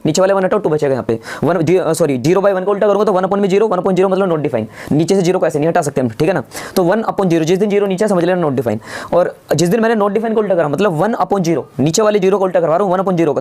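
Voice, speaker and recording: A man teaching a math lesson online, often asking the listeners quick questions that he answers himself and calling them guys. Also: high-pitched, darkish tone. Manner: rapid, quizzes listeners with rhetorical questions.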